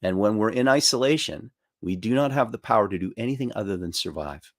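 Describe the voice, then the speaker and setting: A man's voice: animated, fairly quick, no room sound, studio quality. A middle-aged man giving a motivational talk as a speaker, telling stories in a loose, chatty way with restarts. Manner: storytelling, acts out quoted voices with jumps in pitch. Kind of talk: conversational keynote talk.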